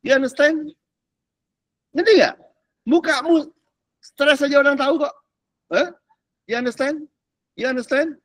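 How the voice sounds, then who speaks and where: A man's voice: extremely high pitch, unhurried, pauses often, a bit bright, no echo. A man, a pastor, teaching a discipleship class in a casual, chatty way, mixing in slang and English and keeping on asking whether his listeners follow. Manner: chatty, keeps checking the class understands, drops English words; uses casual Jakarta slang. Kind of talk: informal teaching talk.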